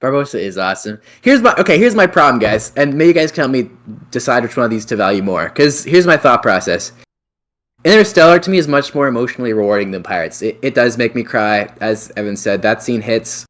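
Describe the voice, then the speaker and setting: A young man hosts a casual podcast chat and talks through his choices out loud. He sounds unsure and keeps filling the gaps with "uh" and "like" as he restarts his sentences. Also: mid-range voice, expressive, fairly quick. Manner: indecisive, thinks aloud with many fillers. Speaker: podcast host.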